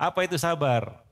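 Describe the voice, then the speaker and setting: A male preacher gives a casual sermon to a congregation, bantering, quizzing his listeners, and laughing often. His voice is on the high side, gravelly and husky, with the long reverb of a hall.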